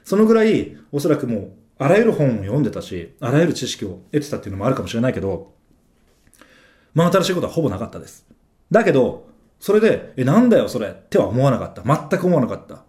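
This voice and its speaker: Man, casual storytelling monologue, trader recounting his past, lively rising and falling intonation, mellow dark tone, chatty affirming fillers. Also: mid-range voice, quick pace. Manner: frequent self-affirming "un" fillers, conversational.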